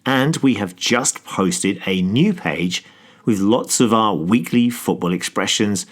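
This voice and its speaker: A man with a lowish voice presents a scripted football English lesson. He speaks in a measured way and explains each phrase as he goes. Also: lively intonation. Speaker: podcast co-host.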